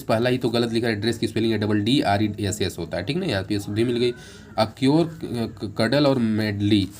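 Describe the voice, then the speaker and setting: A man teaching an exam-prep lesson, explaining English words in Hindi with lots of repetition and reading the English questions slowly, word by word. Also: on the low side, a little mellow. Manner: explains English words in Hindi, repeating each meaning, ends points with "theek hai sir".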